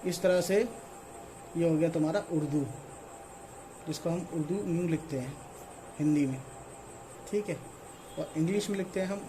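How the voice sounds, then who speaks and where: A man with a high, light voice runs a casual online lesson, spelling out letters one by one. He keeps checking in after each small point in a steady teaching rhythm. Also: moderate pace, long pauses, noisy background. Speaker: Urdu teacher.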